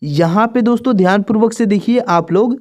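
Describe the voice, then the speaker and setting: A woman's voice: medium pitch, a little fast, darkish tone. A woman teaching a beginner reading lesson, patiently naming each letter and repeating it for her viewers.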